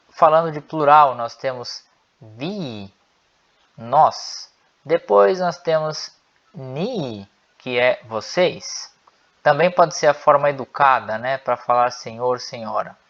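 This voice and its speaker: A man teaching an online language lesson, speaking slowly and deliberately and repeating each word for learners. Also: mid-range voice, fairly bright tone. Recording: dull lo-fi audio.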